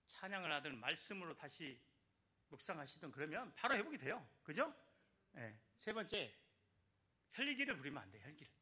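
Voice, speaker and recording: Older man, church testimony, high animated voice, repeats key words. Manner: exhorting, repeats key phrases, asks the congregation for responses. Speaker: church elder giving testimony. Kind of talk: evangelism testimony in a church service.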